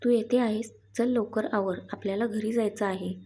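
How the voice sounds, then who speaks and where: A woman's voice: mid-range voice, steady tone, moderate pace, warm tone, slightly rough. A woman voicing a young husband who talks firmly and teases his wife. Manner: firm, then playful. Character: young husband, brisk and teasing.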